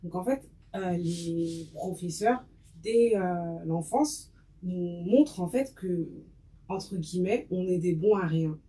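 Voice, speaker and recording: A woman's voice: fairly low pitch, takes it slowly, mellow, recorded from a distance, rough recording. A woman in her twenties, a podcast guest, speaking frankly with many fillers. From France. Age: 20s. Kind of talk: conversational testimony.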